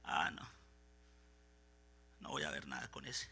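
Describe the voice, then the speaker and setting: A man preaching a Pentecostal sermon in a church, moving between quiet asides and shouted, fervent passages while acting out voices. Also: a little slow, soft background music. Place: church sanctuary.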